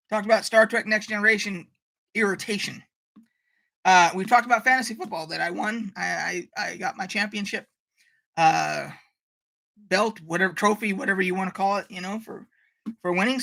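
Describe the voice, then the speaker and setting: A woman's voice: medium pitch, gravelly, sharp tone. A woman hosting a casual live stream, ranting animatedly, swearing freely and reading out viewer comments. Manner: reads out viewer chat comments.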